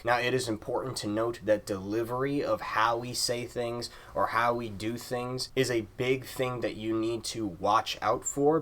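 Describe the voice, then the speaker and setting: A man teaching a lesson on communication in a measured, formal way, often restating his points. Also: mid-range voice, a bit bright. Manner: measured, formal, repetitive phrasing. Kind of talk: explanatory lesson monologue.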